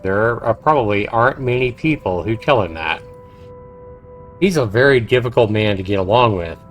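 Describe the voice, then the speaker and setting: A game streamer livestreams a game, offering commentary and reading visual novel text aloud with expressive drama. His voice sits at medium pitch.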